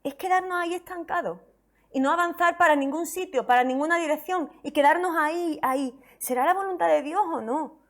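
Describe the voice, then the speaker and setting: A woman's voice: extremely high pitch, brisk, fairly bright tone. A woman pastor from Spain preaching a sermon with a Spain Spanish accent, reading scripture expressively and asking the congregation questions.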